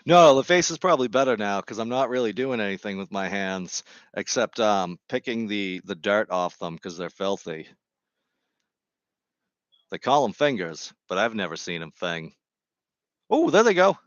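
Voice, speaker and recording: Man with a lowish voice and deadpan humor, rambling casually to camera. Dry, slightly dull mic sound. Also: moderate pace, no echo. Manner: jokey, meandering, deadpan absurd humor. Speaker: vlogger. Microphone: Bluetooth microphone.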